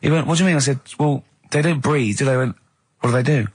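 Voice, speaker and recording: A man with a slightly husky voice hosts a comic radio show. He tells a story in a mocking, amused way and often breaks into laughter. The sound is dry and close, like a studio. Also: mid-range voice, quick pace, dry recording. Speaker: radio host.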